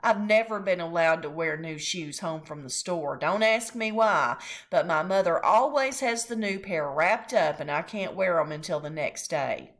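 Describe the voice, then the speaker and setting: A woman reading a children's chapter book aloud, expressive and storytelling. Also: fairly low pitch, moderate pace.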